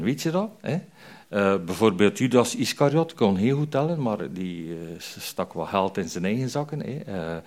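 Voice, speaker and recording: A man's voice: mid-range voice, a little mellow. An older man preaching an informal sermon, chatty and full of fillers and tag questions. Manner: chatty, frequent "hè" tags and fillers. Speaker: prison chaplain preacher.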